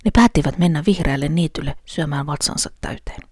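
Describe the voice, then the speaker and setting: A woman storyteller reading a children's story aloud at a gentle, unhurried pace. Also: low voice, slightly rough, no echo, studio quality.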